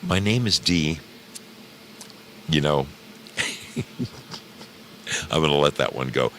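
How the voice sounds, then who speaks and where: A man with a gravelly, sharp bass voice hosts an online radio program, delivering a rambling, casual monologue to his live stream audience. He's jokey and theatrical, repeating phrases for emphasis, with a little hiss or hum in the audio.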